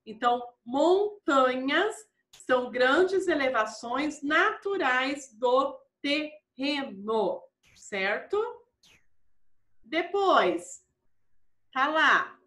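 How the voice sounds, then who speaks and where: High-voiced, slow-paced woman teacher. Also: a bit bright, reverberant. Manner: patient, checks in with "tá?" and "né?". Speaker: primary school teacher. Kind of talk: classroom lesson walkthrough.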